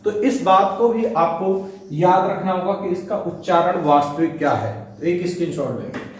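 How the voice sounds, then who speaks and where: A man delivers an online exam-prep lesson on Hindi grammar, walking students through it step by step and addressing them directly. His voice sits high at a moderate pace, with a little hiss or hum, and he sounds slightly far from the mic in a very echoey room.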